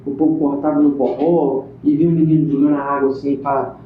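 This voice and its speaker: A man's voice: mid-range voice, little pitch movement, a little fast, a little hiss or hum. A man, interviewing in a chatty, casual way, prompting with questions. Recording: echoey room on a tinny phone-like line.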